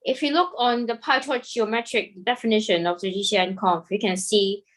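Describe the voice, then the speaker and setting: Female study group member, medium pitch, patient casual explainer on a video call. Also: steady tone, moderate pace, poor audio.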